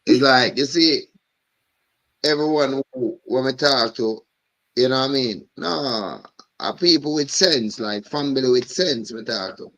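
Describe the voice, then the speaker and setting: A man's voice: medium pitch, measured pace, fairly bright tone. A man hosting a live stream, chatting loosely and often repeating "you know what I mean". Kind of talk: casual chat.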